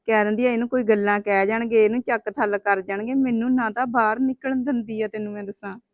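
A woman's voice: fairly high pitch, steady tone, quick pace, no room sound, muffled recording, lightly acted. A woman playing an unhappy young wife with three daughters who pours out her troubles in a plaintive, complaining manner. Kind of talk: web drama acting.

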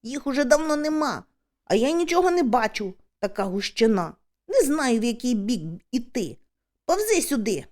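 A woman voicing an excitable village boy who yells for his lost friend, indignant and anxious, in a storybook reading. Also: on the high side, moderate pace. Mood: anxious shouting.

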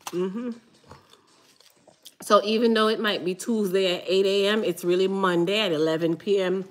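A woman in her thirties chatting casually at a table, teasing her family with deadpan made-up facts and laughing often. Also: mid-range voice, normal speed. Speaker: vlogger. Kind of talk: casual chat while eating. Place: small room with curtain backdrop.

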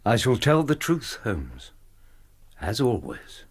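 An actor playing an earnest, courteous English gentleman doctor in a radio drama. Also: mid-range voice, huge pitch swings, slow, breathy edge, faint music behind, full character voice.

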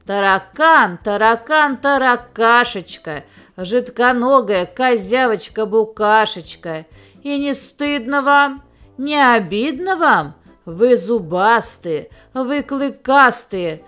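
A woman voicing a bold, mocking female kangaroo with shrill scornful laughter in a storybook reading. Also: animated, takes it slowly, fairly bright tone, faint music behind.

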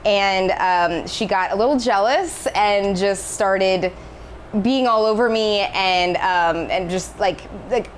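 A woman's voice: medium pitch, takes it slowly, slight background noise, poor audio. Candid young woman on lapel mic. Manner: relaxed, candid storytelling. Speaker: restaurant co-owner. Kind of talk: casual interview. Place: small commercial kitchen, indoors. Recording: music bed underneath.

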